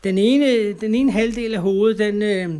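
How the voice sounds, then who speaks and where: A middle-aged man from Denmark, an interview guest, telling his personal story in conversation, halting and repeating words, ending lines with tag questions. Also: sits high, darkish tone, clear, resonant tone.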